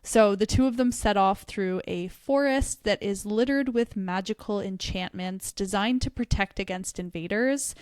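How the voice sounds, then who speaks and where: In clean studio sound with a dry recording, a young woman with a medium-pitched, clean-toned voice co-hosts a podcast. It's a casual book review chat, and she's animated and laughs a lot.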